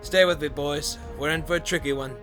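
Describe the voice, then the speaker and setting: A man voicing young male fighter pilots and their general, shouting radio calls in a fan audio drama. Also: a little high, very animated, a little fast, gravelly, faint music behind, full character voice. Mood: commanding. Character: young male starfighter pilot squad and Jedi general, urgent.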